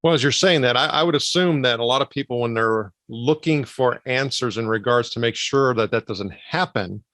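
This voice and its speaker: Man, podcast host, long rambling questions, even pitch, dry recording. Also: no echo. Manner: long winding questions, measured. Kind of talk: casual interview conversation.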